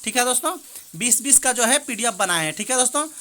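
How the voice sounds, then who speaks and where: A woman teaching exam prep, reading out multiple-choice questions and answers quickly and often saying "theek hai doston", with rain behind her. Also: fairly high pitch, expressive, sharp tone. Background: rain heard in the background.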